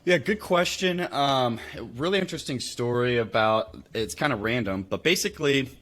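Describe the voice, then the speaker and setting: Speaking at a normal speed, a real estate investor from Louisville, Kentucky, appears as a guest on a podcast and shares stories in a relaxed, chatty manner. The American man's voice is medium in pitch, animated and fairly bright.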